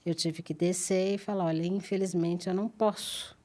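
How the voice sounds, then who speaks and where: A woman's voice: on the low side, steady tone, moderate pace, a little mellow. A woman, a school owner speaking as a podcast guest in casual interview chat, earnest and explaining.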